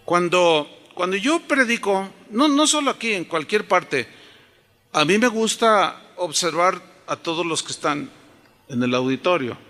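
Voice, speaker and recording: A pastor preaching a sermon to a congregation, animated and telling stories. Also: male voice, high voice, a little slow. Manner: animated, storytelling, addresses the congregation. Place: church auditorium. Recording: reverberant auditorium.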